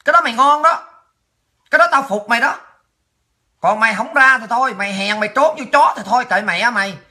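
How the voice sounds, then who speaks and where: In an angry, ranting monologue, a political livestream host mocks her critics and swears at them. Her voice sits on the high side and sounds bright and forceful, with a fairly quick delivery.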